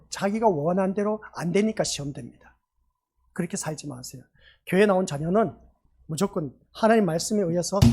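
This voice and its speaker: Male pastor, husky voice, emphatic sermon delivery, keeps firing rhetorical questions at the pews. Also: high-pitched, darkish tone. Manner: emphatic, peppers talk with rhetorical questions to the congregation. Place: church sanctuary.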